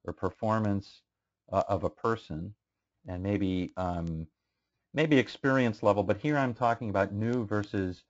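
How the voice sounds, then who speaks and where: A man's voice: lowish voice, measured pace. A male instructor giving a casual statistics lecture, asking students questions and using many fillers. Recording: muffled lo-fi classroom recording.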